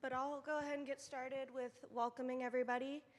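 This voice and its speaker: A woman's voice: high voice, little pitch movement, fast talker, in a large hall. A woman who leads a children's ministry, speaking informally to a group of volunteers at a training session in a church meeting room. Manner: informal and conversational, addressing a group.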